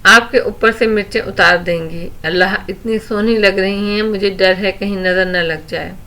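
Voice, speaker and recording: Woman voicing a fussy young housemaid, deferential, nosy, bright voice, storybook. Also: medium pitch, fairly even intonation, natural voice.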